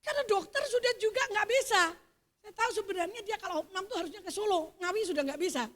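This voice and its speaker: A middle-aged woman pastor with a Javanese accent preaches at a church service, moving from quiet storytelling to loud, emphatic exclamations. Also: extremely high pitch, quick pace. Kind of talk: sermon.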